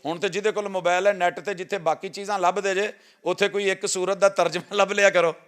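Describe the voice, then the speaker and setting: A man with a Punjabi accent preaching a sermon, telling stories and moving between loud exhortation and soft, hushed passages. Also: sits high, little pitch movement, fairly quick, clean tone.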